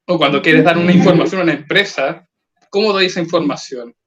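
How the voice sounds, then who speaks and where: Male voice coach, explanatory lecturing tone, somewhat high pitch, dull call audio. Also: fast talker, noisy background. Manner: explanatory, lecturing with rhetorical questions. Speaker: voice trainer. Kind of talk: online seminar talk.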